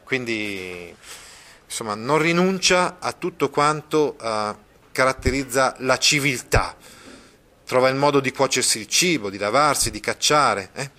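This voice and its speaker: A man giving a literature lesson, reading passages aloud and explaining them patiently, with many drawn-out fillers. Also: mid-range voice, animated, pushed and bright. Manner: explains patiently, checks in with listeners. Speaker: literature teacher.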